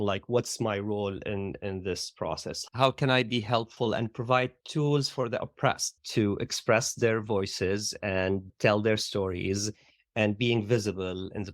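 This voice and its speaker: Low-voiced Syrian man, reflective. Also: no room sound, studio quality. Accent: Syrian Arabic. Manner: reflective, uses "like" and "right?" often. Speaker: guest, theater educator. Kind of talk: conversational interview.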